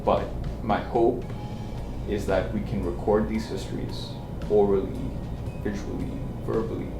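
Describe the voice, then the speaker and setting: Man, measured and deliberate, lowish voice, roomy echo. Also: flat delivery. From Pakistan. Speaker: policy researcher. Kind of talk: reflective interview answer. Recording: echoey room. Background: music.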